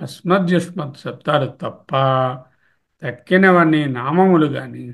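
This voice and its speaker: A man's voice: fairly high pitch, fairly bright tone. A man teaching Sanskrit grammar, listing forms and explaining them in mixed with English terms. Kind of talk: grammar lecture.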